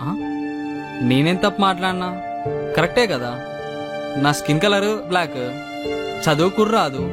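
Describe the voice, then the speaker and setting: A man's voice: sits high, expressive, moderate pace, over loud music. A young man with a Telangana Telugu accent, playing a friend in a comedy sketch, with a wry, self-deprecating manner.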